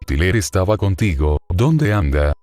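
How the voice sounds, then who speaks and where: Tired worried dad, gruff and short with his words, really low voice, a man reading him out. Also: sing-song, measured pace, a little mellow, dry recording. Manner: gruff and curt. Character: tired, worried middle-aged father.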